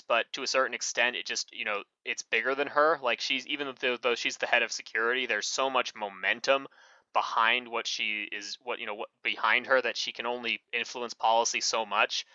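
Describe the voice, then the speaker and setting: Bright-voiced man rambling in casual chat. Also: medium pitch, fairly even intonation, normal speed, clean tone, dry recording. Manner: rambling, full of fillers and self-corrections. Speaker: podcast co-host. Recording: muffled lo-fi mic.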